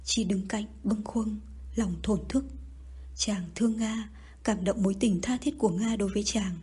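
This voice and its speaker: Breathy, mellow woman narrator. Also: medium pitch, steady tone, normal speed. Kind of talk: audiobook narration.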